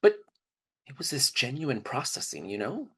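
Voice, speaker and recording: A performer recounts a dramatized first-person narrative in a loose, thoughtful, storytelling way, acting out what others said. He speaks mid-range at normal speed with big pitch swings and vocal fry, his tone pushed, bright, and breathy.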